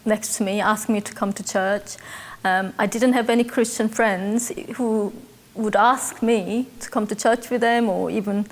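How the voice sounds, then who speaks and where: A South Korean woman in her forties, a church member speaking English as a second language with a Korean accent, calmly tells her life story in a personal testimony interview. Her medium-pitched voice is reflective and measured, broken by hesitant pauses and fillers.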